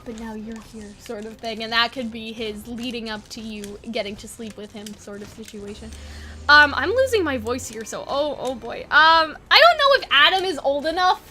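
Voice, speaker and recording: A woman online video creator and host chats casually and informally, thinking aloud as if brainstorming with fans. Her voice is on the high side and sharp in tone, animated, at a moderate pace.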